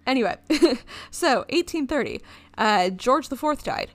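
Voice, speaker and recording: A woman's voice: sits high, animated, unhurried, dry recording. A woman co-hosting a podcast, telling a history story in a rambling, casual way and laughing often. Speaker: podcast co-host.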